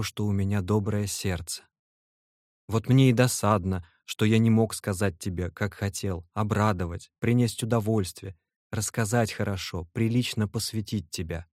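A man's voice: on the low side, moderate pace, darkish tone, dry recording, studio quality, lightly acted. A man voicing a sensitive young man who talks in an earnest, heartfelt, pleading way, in an audiobook reading.

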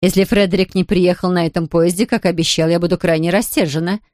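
A fussy middle-aged mother who frets and scolds, as a woman reading a storybook puts her on. Her voice drops lower than the narration, close and dry. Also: fairly even intonation, quick pace, darkish tone, dry recording, natural voice. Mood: worried.

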